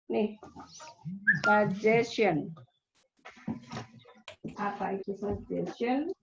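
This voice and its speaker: A woman's voice: mid-range voice, drawn-out words, vocal fry. Woman teacher, online lesson, drills pronunciation patiently, echoey and muffled. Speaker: English teacher. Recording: echoey, dull, noisy online recording.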